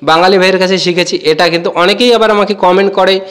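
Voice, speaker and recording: High-voiced man teaching vocabulary. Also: fairly even intonation, a bit bright, clean tone. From Bengal. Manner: repeats each word slowly, calls viewers friends. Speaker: language teacher. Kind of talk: casual spoken language lesson.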